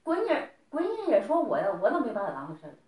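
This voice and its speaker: A woman's voice: on the high side, wildly swooping pitch, quick pace, darkish tone, echoey room. A middle-aged woman scolding someone in a heated family argument, lecturing and firing off repeated questions.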